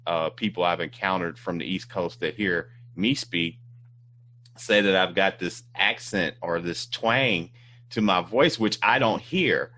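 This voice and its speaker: A man's voice: low-pitched, measured pace, pushed and bright. A man from Indiana hosting a casual interview, rambling with many fillers and restarts. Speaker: talk show host.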